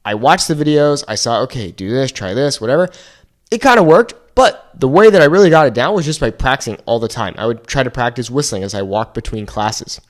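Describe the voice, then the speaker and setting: Male online language teacher, mid-pitched and highly animated, casual, encouraging, clear step-by-step delivery. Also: a little fast. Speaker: Spanish teacher and video host. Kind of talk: casual instructional talk to viewers.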